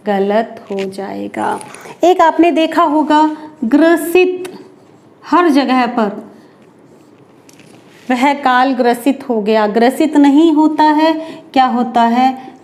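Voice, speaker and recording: A woman with a high, slightly mellow voice teaches a grammar lesson to exam students. She speaks slowly and deliberately, posing questions and answering them herself while drawing out example words.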